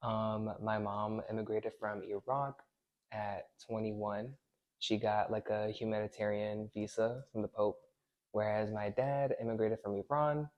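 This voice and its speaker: Young man, low voice, self-correcting. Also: level tone, a little slow, dull audio. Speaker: student interviewee. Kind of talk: documentary interview.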